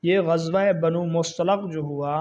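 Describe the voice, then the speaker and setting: Man teaching pronunciation, somewhat high voice, slows right down to spell words out carefully. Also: steady tone, darkish tone, highs cut off. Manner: slow, deliberate spelling out of words. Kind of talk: pronunciation lesson.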